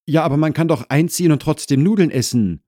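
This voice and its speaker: A man's voice: a little high, quick pace, dark tone, no room sound, clean studio sound, voice pushed up, close to an everyday voice. A man voicing an eager, polite, somewhat awkward young student in a comic audiobook.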